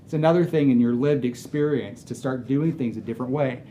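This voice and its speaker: A man's voice: mid-range voice, brisk, dark tone, slight background noise. A man and author giving a conversational, earnest motivational talk to a room of agents, working through lists of ideas. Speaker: speaker and author.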